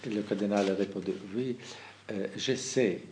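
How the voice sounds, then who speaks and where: A man from Kazakhstan, a bishop, speaking as a to the faithful, halting with many restarts and fillers. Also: fairly low pitch, a little mellow, a little hiss or hum. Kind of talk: talk to the faithful.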